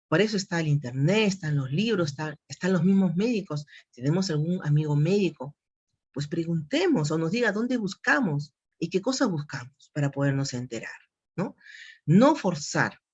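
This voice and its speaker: A woman's voice: lowish voice, sing-song, normal speed, darkish tone, slightly rough. A woman giving an instructive lecture on elder care, repeating key points and often checking in with her listeners. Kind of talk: spoken lecture to an audience. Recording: dull lo-fi recording.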